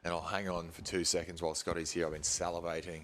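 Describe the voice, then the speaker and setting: A man's voice: low voice, fast talker, slight background noise. An Australian man commentating a surf boat race live, chatty and joking with his co-hosts. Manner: chatty, jokey, excitable.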